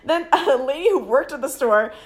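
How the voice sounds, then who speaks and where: A woman's voice: high-pitched, moderate pace. Giggly young woman telling a story. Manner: giggly, animated, acts out voices in her stories. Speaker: podcast co-host. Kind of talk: casual chat, storytelling.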